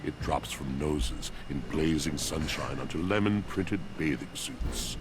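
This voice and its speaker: A man's voice: a little slow, noisy background. A man voicing a brooding, melancholy washing machine in a dating sim game, with a villainous voice and a grandiloquent, poetic monologue delivery. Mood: solemn, brooding. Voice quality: deep, villainous voice. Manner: theatrical, grandiloquent dramatic monologue.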